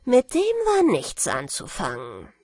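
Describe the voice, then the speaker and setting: A woman voicing a sly, hearty old male merman in a storybook reading, slow and breathy. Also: on the low side, huge pitch swings, a little mellow, no echo, studio quality, exaggerated voice.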